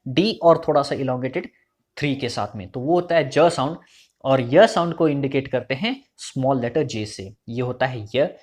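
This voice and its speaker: A man teaching pronunciation, explaining step by step and slowly sounding out example sounds, with English terms mixed into his speech. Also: medium pitch, expressive, darkish tone. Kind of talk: instructional explanation.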